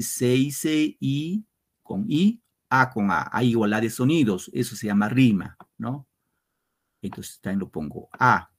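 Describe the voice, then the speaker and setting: A male teacher giving an online literature class, explaining slowly and step by step to his students. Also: mid-range voice. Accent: Peruvian Spanish. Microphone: computer mic on a video lesson.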